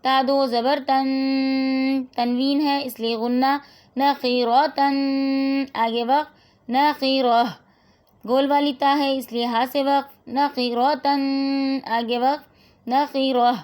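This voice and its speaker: A woman teaching Quran reading, spelling words slowly syllable by syllable, then explaining the rules quickly and checking in with "okay?". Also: high voice, flat delivery, darkish tone.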